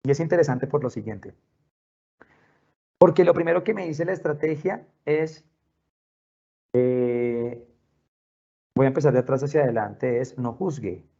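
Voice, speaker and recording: A man's voice: mid-range voice, a little slow, gravelly, long pauses, warm tone, dull audio. A man giving a talk to parents from home, telling stories from his own life and asking questions in an earnest way. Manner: earnest, storytelling, asks questions. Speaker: parent workshop speaker. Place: at home, with pets nearby.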